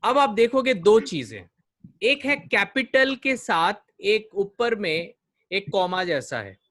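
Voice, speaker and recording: A man leads a vocabulary class at a very unhurried pace. He sounds out each word several times so students can copy the stress. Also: high-pitched, fairly bright tone. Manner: slow, drills pronunciation by repeating words. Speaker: communication coach.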